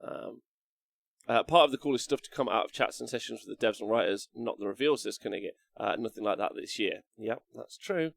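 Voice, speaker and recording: A man hosting a casual livestream, rambling as he reads out and answers chat messages in an animated way. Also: on the low side, a little fast, gravelly, no echo. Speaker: streamer host reading and answering live chat. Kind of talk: casual livestream chat about tabletop wargaming.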